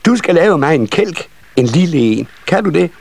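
A man reading a children's story and voicing a bunch of excited little elf children in a shrill, eager voice. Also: gravelly, heavily acted. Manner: shrill, eager, tumbling over each other.

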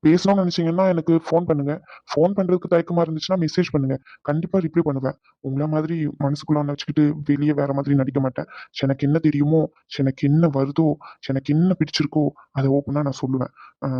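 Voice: medium pitch, steady tone, quick pace, dry recording, highs cut off, voice pushed down, natural voice. A performer voicing a blunt young man in a cartoon who speaks his mind plainly. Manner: blunt, matter-of-fact.

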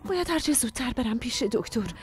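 Woman voicing a young pregnant woman, urgent, secretive, high voice, dubbed drama. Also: lively intonation, a little hiss or hum, close to an everyday voice. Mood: anxious. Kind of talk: Persian drama dubbing.

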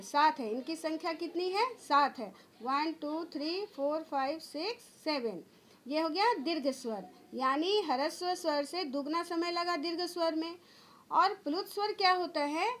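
A woman school teacher giving an online grammar lesson to children, patiently explaining step by step and answering her own questions. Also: sits high. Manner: drawn-out demonstration sounds.

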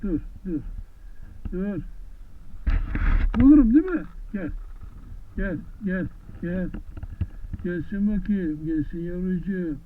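A man with a high voice talks softly and fondly to animals, repeating the same gentle questions and calls again and again. The sound is thin and tinny, like it comes through a phone line. A faint hiss runs underneath. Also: animated, slow pace, pauses often. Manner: gentle, coaxing, affectionate, many repeated questions. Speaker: vlogger visiting wild horses. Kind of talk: casual talk to animals. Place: outdoor pasture beside horses.

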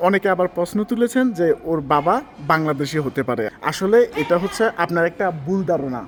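Male interviewer with a high voice, mixes English words into his Bengali questions, faint noise behind. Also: lively intonation, brisk.

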